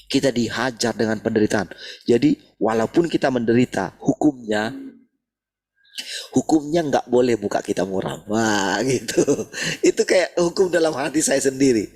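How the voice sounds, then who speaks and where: Husky, animated preacher man. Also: medium pitch, normal speed. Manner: animated, repeats "gitu" often. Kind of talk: sermon over video call.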